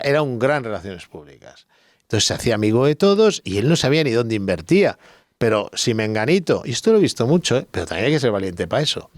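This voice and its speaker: A man's voice: mid-range voice, dry recording, studio quality. A middle-aged man, a guest expert who explains at length, telling anecdotes and thinking aloud in a casual podcast chat.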